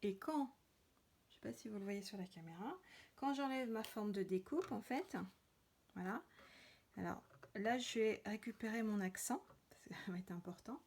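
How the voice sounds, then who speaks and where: A woman's voice: medium pitch, normal speed, a little mellow, breathy edge. A woman hosting a card-making tutorial, talking casually while she works with many hesitations and fillers. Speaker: crafting tutorial host. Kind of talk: casual craft demonstration.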